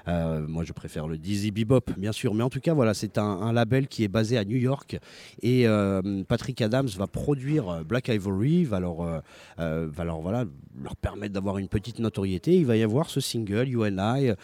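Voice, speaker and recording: A man's voice: lowish voice, normal speed, mellow. A man hosting a live music radio show, talking casually with many hesitations and restarts. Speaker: radio host.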